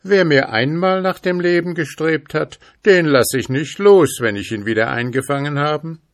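A man voicing a fearless, quick-witted young student who answers calmly. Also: a little high, dry recording, clean studio sound, pitched above the performer's own voice, natural voice. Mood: cool. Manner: calm, quick-witted, unafraid. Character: bold, clever young male student.

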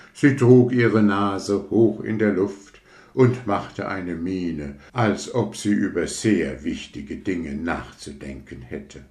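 A man reads a fairy tale aloud in a slow, measured way. His voice sits on the low side and he takes his time over every phrase. The recording carries a noticeable roomy echo. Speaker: storyteller.

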